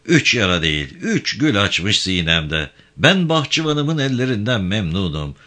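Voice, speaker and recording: A man's voice: lowish voice, sing-song, measured pace, sharp tone, exaggerated voice. A man reading a story voices a wounded, hardy man who soothes his wife in florid, tender words. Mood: tender soothing.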